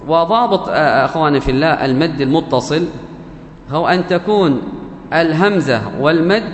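A man's voice: fairly high pitch, lively intonation, a little hiss or hum. Man teaching in an echoey hall. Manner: explains patiently, repeats key terms and examples slowly. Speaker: Quran recitation teacher. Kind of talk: religious lesson on tajweed. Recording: echoey hall with faint ambience.

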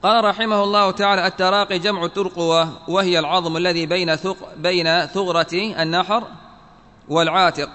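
A man's voice: sits high, fairly even intonation, fairly quick, sharp tone. A man giving a religious lesson, reading a classical text and carefully spelling out how each word is vowelled. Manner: spells out word vowels carefully, reads quotes then explains. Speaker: Islamic teacher. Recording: long hall reverb.

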